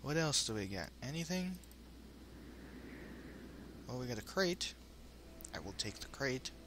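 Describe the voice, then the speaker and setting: A man's voice: mid-range voice, very animated, measured pace. A man hosting a let's play with casual, wry commentary that rambles into asides. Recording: home commentary with faint noise.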